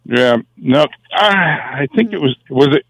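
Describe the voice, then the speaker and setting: A man in his sixties from New York, calling in to a radio show and answering in halting, hesitant bits. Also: a little high, lively intonation, gravelly, dry recording, poor audio. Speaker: caller. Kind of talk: call-in radio chat.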